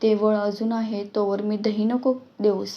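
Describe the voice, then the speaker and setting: A woman's voice: mid-range voice, little pitch movement, measured pace, lo-fi sound, close to an everyday voice. A woman voicing a frightened, sulky young village boy who pleads and complains, in a storybook reading.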